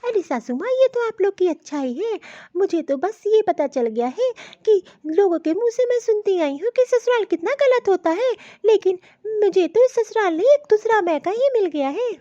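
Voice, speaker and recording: A woman's voice: very high-pitched, animated, normal speed, few pauses, dark tone, lo-fi sound. A woman voicing a cheerful young newlywed bride who speaks earnestly about her new in-laws. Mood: fervent. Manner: earnest, emphatic.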